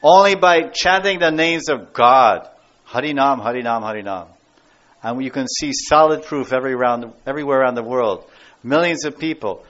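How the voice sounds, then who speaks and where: Speaking at normal speed and medium pitch, he has a fairly bright tone. In this dull lo-fi recording, he teaches a devotional class with emphasis, often circling back to the same key words and phrases.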